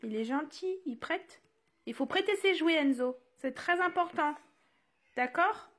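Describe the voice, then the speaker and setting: A woman's voice: sits high, animated, unhurried, a bit bright. A young woman and mother filming a casual home vlog on her phone in her child's bedroom, chatty with many fillers, turning sing-song when she talks with her small children. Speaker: vlogger and mother. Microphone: phone held while filming.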